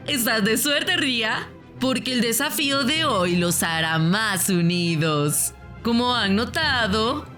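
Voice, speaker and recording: A woman voicing a stern, dry host of a camp game show in an animated web series, making curt announcements. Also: on the high side.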